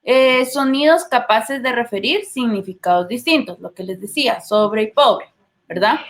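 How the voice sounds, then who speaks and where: A woman teacher with a Guatemalan accent explaining a lesson, checking in with tag questions and pausing on fillers. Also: a little high, animated. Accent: Guatemalan Spanish. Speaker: literature teacher. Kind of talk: recorded class lesson.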